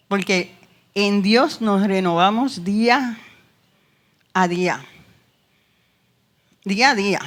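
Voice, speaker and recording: A woman with a Puerto Rican accent leads a church discipleship class. She teaches with emphasis and energy and speaks directly to her listeners. Her voice has a middle pitch for a woman. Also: fairly bright tone. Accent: Puerto Rican Spanish.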